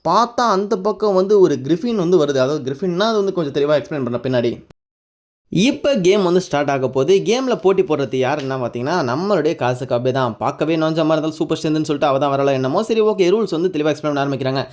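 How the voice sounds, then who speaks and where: Speaking rapidly in an expressive, darkish voice on the high side, this man narrates anime recaps on YouTube. His storytelling is loose and rambling, sprinkled with English words.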